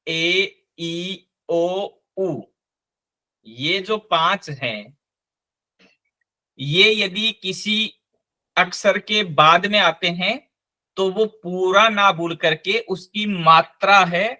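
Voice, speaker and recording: Slow, patient male language teacher. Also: high-pitched, bright, forceful tone. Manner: slow, patient spelling out of sounds. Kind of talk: online class lesson.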